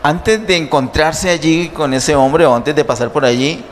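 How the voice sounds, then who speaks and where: Slow, emphatic preaching man in reverberant church. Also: fairly high pitch. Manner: slow, emphatic preaching with rhetorical questions to the congregation. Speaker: pastor. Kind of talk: sermon. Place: church sanctuary. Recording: long church reverb, faint noise.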